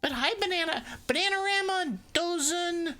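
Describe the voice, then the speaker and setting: A woman's voice: very high voice, normal speed, pushed and bright. A woman chatting casually on a live game stream in a cute, bubbly anime-streamer way, playful and thinking aloud.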